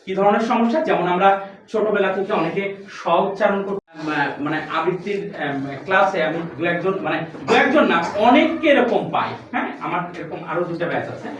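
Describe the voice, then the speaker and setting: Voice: mid-range voice, animated, brisk, a little hiss or hum. A recitation teacher drilling a class of children on pronunciation, patiently asking the same questions over and over. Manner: patient, quizzes students with repeated questions. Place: classroom with benches. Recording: very echoey room, distant mic.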